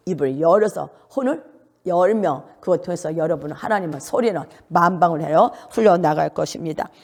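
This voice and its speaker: A middle-aged woman pastor preaching a sermon, often asking her listeners rhetorical questions and jumping up into high notes to make a point. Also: mellow. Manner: rhetorical questions to the congregation, sudden jumps to high pitch.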